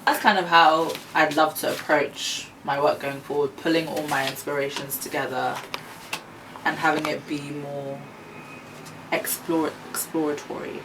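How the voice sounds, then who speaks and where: A woman's voice: low voice, unhurried. A woman, a painter chatting casually about her work, self-mocking and talkative. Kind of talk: casual chat while painting. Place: art studio. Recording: steady background noise.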